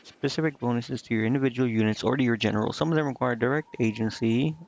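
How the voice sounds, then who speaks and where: Here a fast-talking man with a gravelly, slightly mellow mid-range voice streams a game. He offers loose, informal commentary, reads aloud, and often mutters under his breath. The audio is muffled and lo-fi, with game music in the background.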